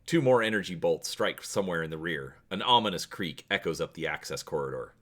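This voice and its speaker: A story-channel host narrates an adventure with drama, his low voice brisk, fairly bright, and lively in intonation.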